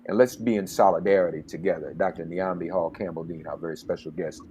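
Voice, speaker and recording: A man's voice: sits low, steady tone, fast, dark tone, a little hiss or hum. A man hosting a radio talk show, speaking with passion and getting worked up like a preacher. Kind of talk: interview and commentary.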